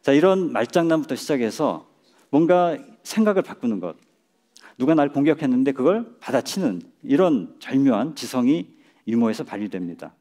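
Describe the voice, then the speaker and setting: A middle-aged man giving a public lecture on a stage, speaking in a measured way and chuckling at his own jokes. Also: mid-range voice, big pitch swings, dark tone. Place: lecture stage before an audience.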